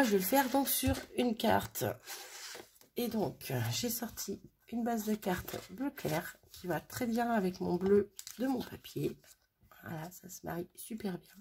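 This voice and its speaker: Slight background noise accompanies a woman's mid-range, somewhat mellow voice as she chats through a casual crafting tutorial. She's a mother making a card at her home craft table on a sunny day, thinking aloud while she works.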